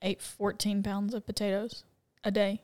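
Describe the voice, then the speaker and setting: A woman's voice: mid-range voice, monotone, normal speed, darkish tone, dry recording. A woman co-hosting a podcast in casual chat, laid-back with frequent "like". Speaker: podcast co-host.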